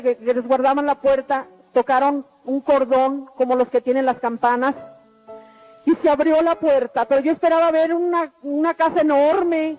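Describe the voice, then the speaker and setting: A middle-aged woman with a high-pitched, darkish voice gives her religious testimony, telling it earnestly and repetitively. The dull lo-fi radio recording carries faint music.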